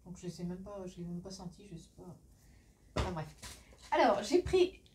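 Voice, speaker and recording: A woman's voice: lowish voice, animated, normal speed, a little mellow, far from the mic. A woman from France chatting casually through a shopping haul, laughing often and filling her speech with hesitations, recorded on a phone. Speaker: vlogger.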